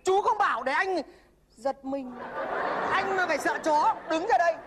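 A woman's voice: very high-pitched, lively intonation, normal speed, a crowd in the background, background noise. A woman playing a cocky, bossy older-brother mentor who lectures. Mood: blustering. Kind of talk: comedy sketch acting.

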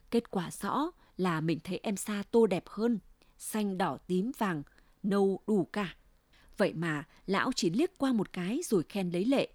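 Woman storyteller, confiding, mellow voice, dry recording. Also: mid-range voice, dry recording. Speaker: narrator. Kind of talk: first-person story narration.

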